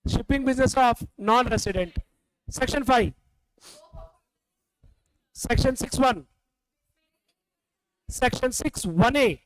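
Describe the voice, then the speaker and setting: A man's voice: very high-pitched, extremely slow, pauses often, no room sound, rough recording. A man from India teaching a classroom revision lecture, quizzing students and scolding them in a teasing way.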